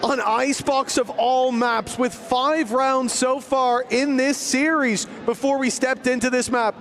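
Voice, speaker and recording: A man giving esports caster commentary in dramatic, punchy phrases with drawn-out emphasis on key words. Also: extremely high pitch, fairly even intonation, fairly bright tone, slight background noise.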